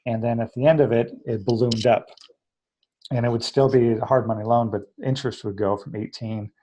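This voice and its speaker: A man speaks earnestly in a relaxed interview, telling a long personal story. His voice is dark and mellow. He slips into the voices of the people he quotes as he goes. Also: medium pitch, a little fast, slight background noise. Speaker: interview guest, treatment center founder.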